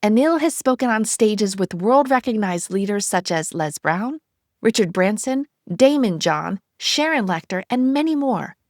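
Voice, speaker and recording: A woman's voice: mid-range voice, animated, a little slow, darkish tone, dry recording. Woman, podcast host, enthusiastic, effusive, dry close sound. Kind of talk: scripted intro then casual interview.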